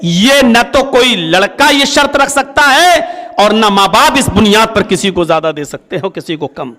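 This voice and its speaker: High-voiced preacher man in a reverberant hall. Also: expressive, moderate pace, sharp tone. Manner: storytelling, acts out dialogue with rising and falling pitch. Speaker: Islamic preacher. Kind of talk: sermon.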